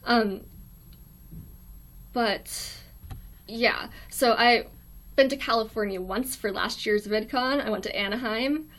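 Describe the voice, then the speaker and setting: A shy, quiet young woman with an American accent, chatting casually on a livestream from her dorm room, reading viewer comments aloud with lots of ums and little laughs. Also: a little high, takes it slowly, long pauses. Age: young adult. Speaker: livestream host.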